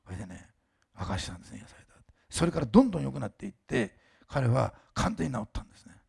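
Fast-talking older male pastor with gravelly voice. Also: mid-range voice, very animated, a little mellow. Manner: fast-talking, admits slurring lately; chatty and emphatic, many asides and restarts. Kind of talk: sermon with personal testimony.

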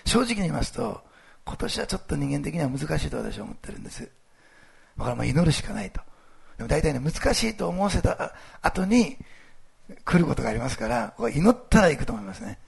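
This is a male pastor with a strongly gravelly, husky voice. He preaches in a lively, animated way, full of fillers, and talks quickly. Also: fairly high pitch. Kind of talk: sermon with church announcements.

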